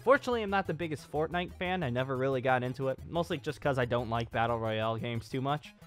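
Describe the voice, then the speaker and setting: In a small home studio padded with acoustic foam, a young man in his twenties chats loosely through a gaming channel update. He's a fast talker with a mid-range, somewhat bright voice, captured on a boom-arm desk microphone over clear background music.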